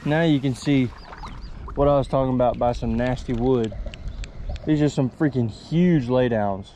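Young male fishing vlogger, mellow voice, loose running commentary from a kayak, faint creek noise behind. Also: medium pitch, moderate pace. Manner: chatty, talks to the fish, mild exclamations. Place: small kayak on a wooded creek outdoors. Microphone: chest-mounted action camera.

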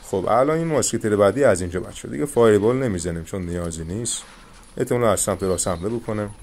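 A young man commentating his own mobile game match, calmly coaching viewers through each move. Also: on the low side, a little hiss or hum. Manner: coaching viewers, calm reassurance. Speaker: gaming channel host. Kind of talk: live gameplay commentary with tips.

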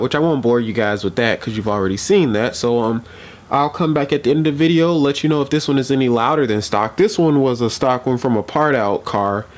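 A young man with a mid-range voice films a casual how-to vlog, working on a car repair outdoors at night. He rambles, with plenty of ums and restarts, and the camera mic moves around as he works, picking up slight background noise.

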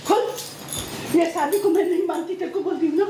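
A middle-aged woman scolding and threatening loudly in a heated family argument. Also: extremely high pitch, fast talker, echoey room, slight background noise. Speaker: girlfriend's mother in a prank video.

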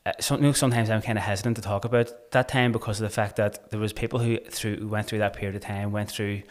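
In a small bright studio, speaking into a boom-arm desk mic, a Northern Irish man in his thirties with a Belfast accent chats as a podcast guest. His fairly low voice moves at a quick pace with fairly even intonation, and he keeps restarting his sentences in an earnest, searching way.

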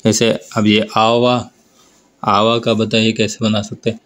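A man with a fairly low voice teaches a grammar class for board exams at a slow, deliberate pace. He draws out the example words and keeps prompting the students to look and answer. His accent is North Indian Hindi. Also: monotone, a bit bright. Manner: slow, drawn-out explanation with repeated prompts to look. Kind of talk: board exam grammar lesson.

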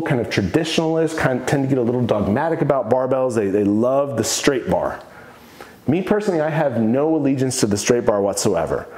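In an echoey basement home gym, a fitness coach in his thirties casually shows off his equipment and shares enthusiastic opinions about it. His mid-range voice is a little mellow.

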